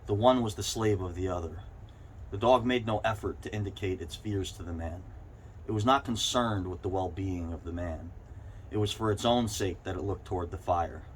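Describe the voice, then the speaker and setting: A man reading a short story aloud, stumbling slightly over words now and then. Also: low voice. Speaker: reader. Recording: clearly noisy background ambience.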